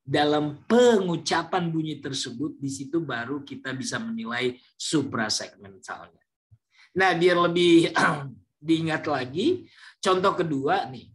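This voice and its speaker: A man teaching a class, explaining slowly with many fillers and sometimes acting out example words loudly. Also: a little high. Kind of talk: classroom lecture.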